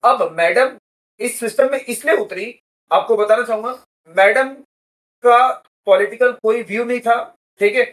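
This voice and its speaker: Guy running a school, high voice, goes on explaining, says okay a lot. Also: fairly bright tone, rough recording. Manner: explanatory, keeps adding "theek hai". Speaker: school director. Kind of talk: interview answers.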